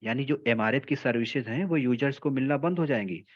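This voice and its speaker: A man gives a technical class at a patient, deliberate pace, going back over each point and pausing to check that his students follow. His voice sits at an ordinary middle pitch, and the recording sounds somewhat dull and muffled. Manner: explains slowly in Hindi mixed with English terms, checks in often with "theek hai". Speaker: telecom trainer. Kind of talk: technical lecture.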